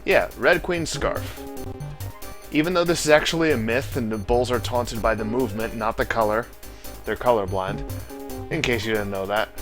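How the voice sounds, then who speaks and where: A man's voice: medium pitch, normal speed, over music. A man hosting a let's play, giving casual commentary on a game. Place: voice-over on game footage.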